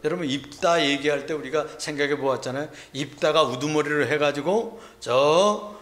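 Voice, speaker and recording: A middle-aged pastor preaches a Sunday sermon in a fairly high voice. He tells the story in a lively way and gives the quoted shouts real force.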